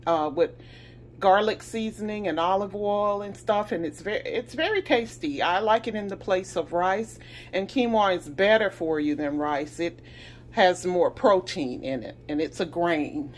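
A woman's voice: lowish voice, measured pace, a little hiss or hum. A middle-aged woman chatting casually through a grocery haul in her home kitchen, rambling with lots of ums and restarts. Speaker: vlogger.

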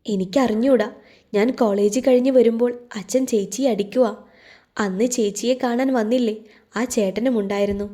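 A woman voicing an upset teenage girl who rushes anxiously through her account, in a storybook reading. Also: on the high side, steady tone, warm tone, close to an everyday voice.

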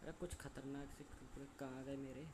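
A young man streaming a game and chatting loudly with friends on a call, joking and complaining as he plays. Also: medium pitch, steady tone, normal speed, heavy background noise. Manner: loud, joking banter with friends. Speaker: gaming streamer.

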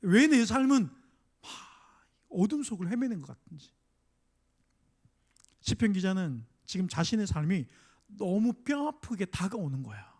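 A middle-aged male pastor preaching a sermon, emphatic, voicing quoted mockers with drama and dropping to a soft, confiding tone for personal stories. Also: high-pitched, sing-song, a little slow, long pauses. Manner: drops to a soft confiding tone when telling a personal story.

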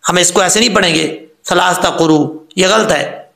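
A man explains recitation rules step by step, stopping to draw out example words slowly. His voice sits high and bright, with a gravelly edge. The room around him rings with echo. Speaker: Quran recitation teacher. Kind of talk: tajweed lesson.

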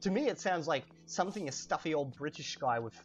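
A muffled recording with faint music behind captures a thirty-something Australian man teaching language casually over gameplay in a home room on webcam, using a cheap desk mic. His voice is a little high, his manner chatty and animated, and he draws out key words, spelling them slowly.

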